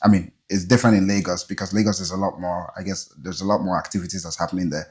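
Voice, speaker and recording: A man with a very deep voice, hosting an interview podcast. He introduces his guest in an earnest, encouraging way. While the guest talks, he keeps it going with short replies. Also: level tone, fast talker, a little mellow. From Nigeria. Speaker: host.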